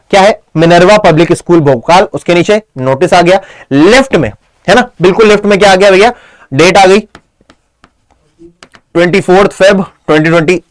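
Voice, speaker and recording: A male teacher gives a fast exam-prep lesson. He keeps checking with his students and slows down to dictate sample lines. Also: high voice, poor audio. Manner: rapid, repeats "ठीक है ना?" to check understanding.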